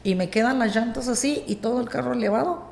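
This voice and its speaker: A woman with a Mexican accent, a podcast guest, telling a personal story in a lively way and acting out what others said. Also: fairly high pitch, fast, creaky, background noise. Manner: animated retelling, acts out quoted dialogue.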